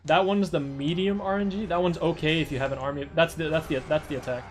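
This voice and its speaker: This man's voice sits on the high side, with a steady tone and quick pace, and faint music runs behind him. A tired speedrunner streamer, he explains a speedrun tutorial casually, rambling, chatting, and self-correcting.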